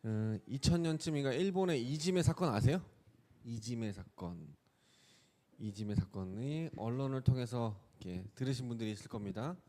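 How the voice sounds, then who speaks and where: A man's voice: medium pitch, animated, moderate pace, a little mellow. A man pastor giving a sermon, telling a personal story and asking the congregation questions.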